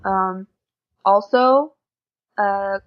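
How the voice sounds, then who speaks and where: In a dull, lo-fi podcast recording, a young American woman who is an exchange student answers interview questions casually, sharing earnest words of encouragement. Her mid-range voice moves very slowly.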